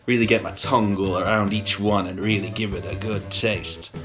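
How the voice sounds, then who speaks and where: A man performing stand-up comedy in a dry, absurd, deadpan manner, with the odd swear word. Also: fairly low pitch, normal speed, over music.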